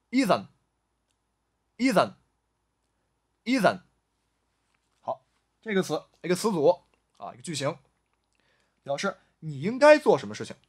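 A male language teacher works through a vocabulary list, saying each new word several times in a slow, deliberate drill and filling gaps with drawn-out "ah" sounds. His voice sits high and swings widely in pitch. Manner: frequent drawn-out "ah" fillers. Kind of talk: vocabulary lesson.

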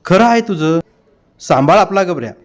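A man voicing a calm, mildly amused old village man in an audiobook. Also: high voice, moderate pace.

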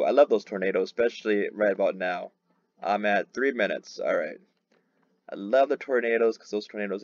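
On his own gaming channel, a man comments on his gameplay with eager energy, repeating words when thrilled. His voice is mid-range, and the recording is muffled with no room sound.

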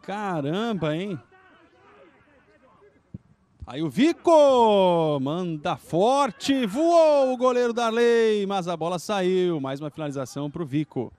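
A Brazilian man giving excited live play-by-play football commentary, exclaiming and stretching out his big calls. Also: high-pitched. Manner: exclamatory, with drawn-out shouted calls.

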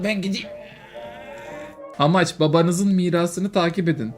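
A man giving casual, joking commentary while playing a game, quick to exclaim and swear. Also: on the high side, a little mellow. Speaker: streamer.

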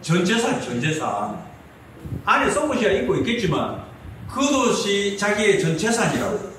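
High, animated preaching man in echoey hall. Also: moderate pace, recorded from a distance, a little hiss or hum. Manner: lively preaching with rhetorical questions to the congregation. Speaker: pastor. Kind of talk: sermon. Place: church sanctuary. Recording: echoey hall, mic from afar.

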